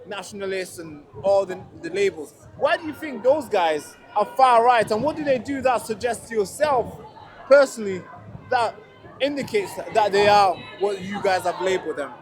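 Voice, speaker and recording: Born in a refugee camp in Tanzania, this man works as a street interviewer, casually questioning people at an outdoor protest. He is friendly and inquisitive, using fillers and restarts. His high voice has lively intonation and a moderate pace, with soft background music and a faint crowd behind it.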